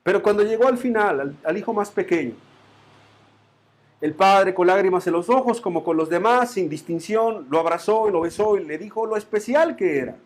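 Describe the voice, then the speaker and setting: A man's voice: high-pitched, moderate pace. A man preaching a sermon in a Colombian accent, telling a story with emphatic repetition and rising and falling intensity. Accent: Colombian Spanish.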